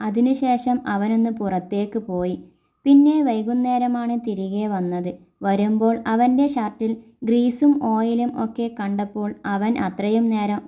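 Female storyteller, mellow and soft, emotional scripted narration of a love story. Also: medium pitch.

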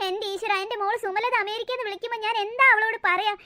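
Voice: very high-pitched, fairly even intonation, very fast, bright, forceful tone, exaggerated voice. A voice actor playing a scheming, scolding old grandmother in a cartoon story, nagging and sarcastic. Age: older. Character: scheming, scolding old grandmother who hates the adopted boy.

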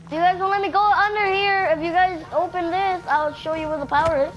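A woman giving frustrated, swearing commentary while she plays a game, often yelling at her teammates. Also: very high-pitched, steady tone, brisk, highs cut off. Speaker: gamer. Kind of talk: live gameplay commentary. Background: loud game music.

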